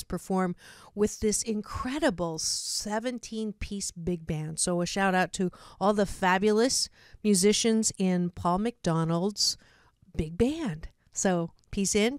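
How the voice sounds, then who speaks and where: A middle-aged Canadian woman hosts a radio talk show, chatting casually with guests in a bubbly way, laughing often and restarting her sentences. Her medium-pitched voice is a bit bright, clear and resonant. The studio sound is clean, with no room sound.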